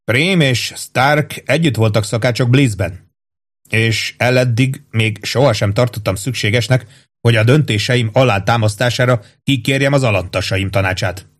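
A man's voice: mid-range voice, natural voice. A man reading an audiobook, voicing a pompous, fussy middle-aged army captain with a raised, insistent, self-satisfied voice. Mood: bossy.

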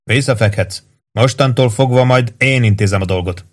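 A man's voice: medium pitch, lightly acted. A man reading aloud, voicing a dutiful army sergeant of the guard with clipped, formal speech. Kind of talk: audiobook reading.

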